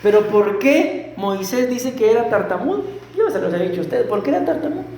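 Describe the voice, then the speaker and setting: A middle-aged man preaching a sermon as pastor, animated and full of rhetorical questions to the congregation. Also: extremely high pitch, fairly quick. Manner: acts out quoted voices and a stutter. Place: church sanctuary. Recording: echoey church hall.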